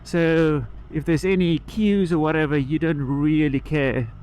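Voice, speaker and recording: Male moto vlogger, slightly high voice, rambling and halting, recorded inside a helmet over light road and engine noise. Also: steady tone, darkish tone, poor audio. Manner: halting, trailing off and picking the thread back up. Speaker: motorcycle vlogger. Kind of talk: casual rambling vlog chat while riding. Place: inside a helmet on a moving motorcycle outdoors. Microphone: microphone inside the helmet.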